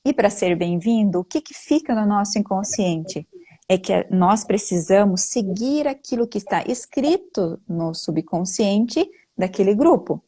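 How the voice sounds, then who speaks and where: During a live-stream talk, a woman who facilitates family constellations explains things in an earnest, teacherly way, her pitch often jumping upward. Her voice is animated, unhurried and mellow, with a breathy edge.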